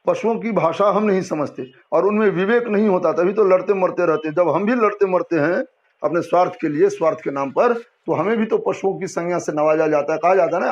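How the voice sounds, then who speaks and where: A man teaching a Hindi language lesson to students, explaining patiently and often asking and answering his own questions. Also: sits high. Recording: dull lo-fi sound.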